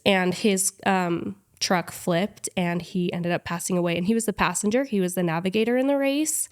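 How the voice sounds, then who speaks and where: A woman in her twenties with a cold, sounding nasal and sniffly, telling a personal story as a podcast guest. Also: on the low side. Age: 20s.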